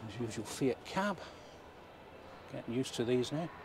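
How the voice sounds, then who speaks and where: A motorhome vlogger with a medium-pitched, expressive voice strolls through a motorhome at an indoor trade show, speaking at a measured pace. He's chatty and thinks aloud as he goes, making mild remarks. It's captured on a handheld camera mic amid the noise of the exhibition hall.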